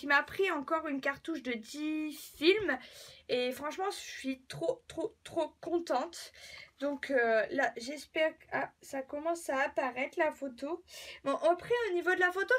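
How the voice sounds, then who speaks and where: A young woman with a high voice shows off a gadget in a chatty home vlog. She talks in a hesitant way, full of fillers and restarts. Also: fairly bright tone. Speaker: beauty vlogger. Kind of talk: casual product demo.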